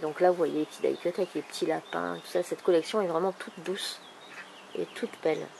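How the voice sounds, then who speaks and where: A woman with a thick, swollen-tonsils sore-throat voice, speaking softly and casually as she presents a craft project. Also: lowish voice, fairly even intonation, brisk. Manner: soft-spoken, holding back volume. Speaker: craft video maker presenting an album. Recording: clearly noisy background ambience.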